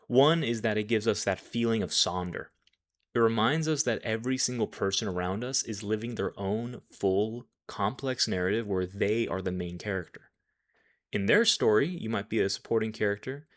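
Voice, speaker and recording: A man who works as a life coach, telling a personal story in a measured, reflective way with occasional self-corrections. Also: lowish voice.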